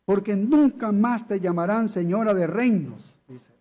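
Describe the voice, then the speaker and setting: A man with a notably high voice preaches an expository sermon. He leans hard on key words, says them again and again, and keeps throwing rhetorical questions at his listeners. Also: unhurried, warm tone. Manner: emphatic, repeats key phrases, asks rhetorical questions. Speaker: pastor.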